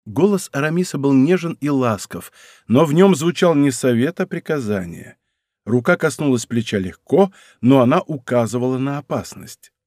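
A man reading a novel aloud as audiobook narrator, measured and expressive. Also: mid-range voice, no echo, studio quality. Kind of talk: scripted narration.

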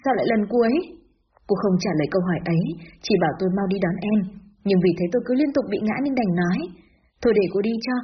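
A woman telling a sad first-person story in a steady, sorrowful manner. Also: medium pitch, rapid-fire. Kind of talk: scripted story narration. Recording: dull lo-fi with faint hiss.

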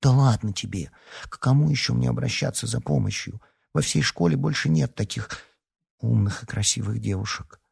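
A man reading an audiobook, voicing a dreamy, flattering teenage schoolgirl who talks in a wheedling way. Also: mid-range voice, moderate pace, creaky, husky, voice pushed up, full character voice. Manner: wheedling, flighty.

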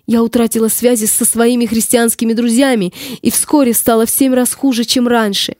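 A woman's voice: fairly high pitch, normal speed, darkish tone, dry recording, clean studio sound. Woman reading as a tormented pleading woman. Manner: pleading, anguished. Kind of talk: audiobook reading.

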